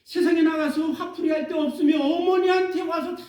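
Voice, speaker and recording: A man preaching from the pulpit with a very high, mellow voice. His sermon is dramatic, and he rises into raised, pleading tones. The sound comes from a little off the mic and rings through a big echoey church. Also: steady tone, fairly quick, recorded from a distance. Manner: dramatic, acts out biblical laments in raised voice. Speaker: pastor. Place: church sanctuary.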